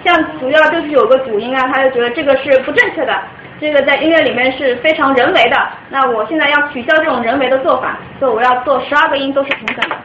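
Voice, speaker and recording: A high-voiced young woman from China gives an informal music lecture, patient and explanatory, often circling back to restart a sentence. The recording is dull and lo-fi, with a faint hiss. She sounds like she is in an echoey room. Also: fast, few pauses, fairly bright tone. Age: young adult.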